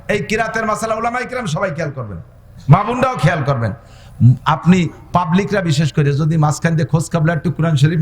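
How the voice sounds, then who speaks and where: Bengali preacher with Gopalganj accent, high voice. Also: male voice, a little hiss or hum. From Bangladesh. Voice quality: conversational, swings from loud exhortation to high, soft mock-dialogue. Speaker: Islamic preacher. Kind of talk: humorous waz sermon.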